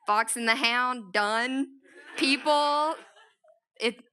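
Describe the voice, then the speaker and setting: A young woman giving a talk to an audience in a large room, telling her own story in a chatty, animated way with many fillers. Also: fairly high pitch, drawn-out words. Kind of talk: conference talk.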